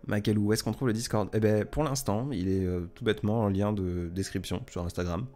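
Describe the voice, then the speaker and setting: A man hosting a casual live stream, reading viewers' messages aloud and answering in a soft, hesitant way with many fillers. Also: lowish voice, a little fast, faint music behind. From France.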